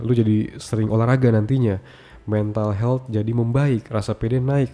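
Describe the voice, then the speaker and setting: A man's voice: on the low side, dark tone. A man giving a casual talking-head advice monologue, speaking straight to the viewer in slangy, informal address and listing points in short, clipped phrases. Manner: lists points one after another in short phrases. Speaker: self-improvement content creator.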